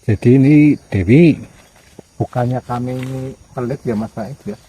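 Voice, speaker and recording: A man acting as a spirit medium, hesitantly relaying messages in a low murmur. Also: moderate pace, crowd noise, rough recording. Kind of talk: casual on-camera chat.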